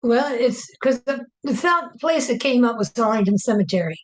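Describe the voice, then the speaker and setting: Woman, a bit high, earnest and halting. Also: expressive, poor audio. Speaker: participant. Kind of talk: casual group chat. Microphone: video call.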